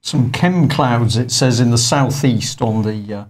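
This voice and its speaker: A man's voice: medium pitch, measured pace, darkish tone. A man presenting an online news show in a conversational, hesitant way with frequent fillers. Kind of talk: unscripted studio news talk.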